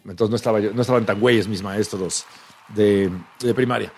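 A man's voice: fairly low pitch, fairly even intonation, fairly quick, husky. A man with a Mexican Spanish accent, a radio host who talks in a playful, hyping, announcer-like way. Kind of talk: casual radio talk show.

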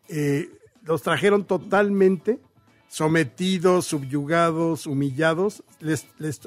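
A man with a Mexican Spanish accent, a guest historian telling history in a measured, explanatory way on a radio talk show. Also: on the high side, dry recording.

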